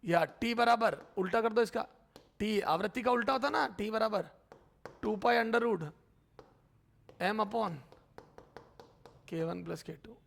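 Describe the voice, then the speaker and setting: A physics teacher, a man, works through a lecture at the board. His voice sits high and has a gravelly, creaky edge. He fondly calls students "beta", poses their questions and answers them, and drags out terms as he writes. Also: fairly bright tone. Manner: repeats terms slowly while writing.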